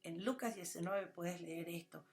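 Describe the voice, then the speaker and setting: A woman giving a sermon, calling her listeners her children, her voice swelling loud and then dropping almost to a whisper. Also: lowish voice, a little slow, vocal fry. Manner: earnest preaching, swells loud then drops to a near whisper. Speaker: preacher. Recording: soft music bed under the voice.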